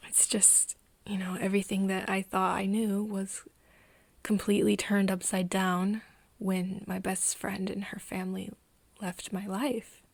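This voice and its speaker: Soft, breathy and often whispery, a woman voices an earnest friend in an intimate ASMR roleplay, sounding wistful and sad. She pauses often and speaks hesitantly at medium pitch in a level tone, and the recording has no room sound.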